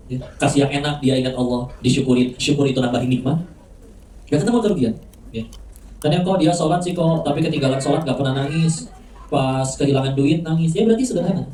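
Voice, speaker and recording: Male preacher, mellow tone, conversational and playful lecture style, roomy distant hall sound. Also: mid-range voice, slight background noise. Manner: conversational, asks the crowd questions, frequent "ya". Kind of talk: lively religious lecture with jokes and audience questions. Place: mosque hall. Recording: echoey hall, mic heard from a distance.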